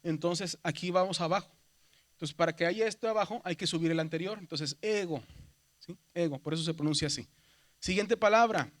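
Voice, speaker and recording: Teacher, man, middle-aged, fairly high voice, patient classroom explainer. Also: a little fast, a bit bright. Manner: explains patiently, often checks understanding with "verdad". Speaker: seminary Greek teacher. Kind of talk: classroom lecture.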